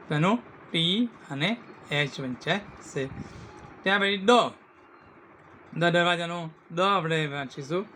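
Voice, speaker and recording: A man teaching a lesson. He asks questions and then slowly repeats the answers in a call-and-answer drill. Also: fairly high pitch, pushed and bright, a little hiss or hum.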